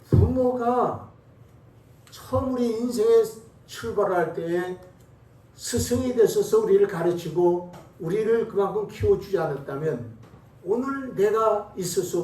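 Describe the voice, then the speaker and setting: A man in his eighties, a pastor, giving a sermon at an unhurried, conversational pace with pauses and fillers, recorded in a church sanctuary from a distant microphone. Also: high voice, expressive, mellow. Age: 80s. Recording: echoey hall from far off.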